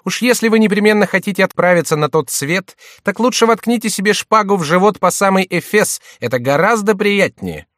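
A man voicing a jeering, sharp-tongued male court jester in an audiobook, mocking and shrill. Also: expressive, fairly quick, hardly any pauses, no room sound, studio quality.

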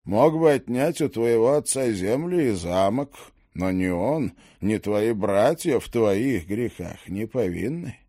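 A man reads a cold middle-aged king passing judgment, menacing and measured, his voice dark and low-toned, slow and deliberate with a lively rise and fall. The recording is close and dry, with no room sound around him. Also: dry recording, heavily acted. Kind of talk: audiobook character reading.

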